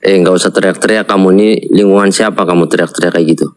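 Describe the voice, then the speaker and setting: Male host, deep voice, urgent spiritual-guide manner on a horror vlog. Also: steady tone, fast talker, low-quality recording. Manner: urgent, repeated religious exclamations. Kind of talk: unscripted horror night vlog.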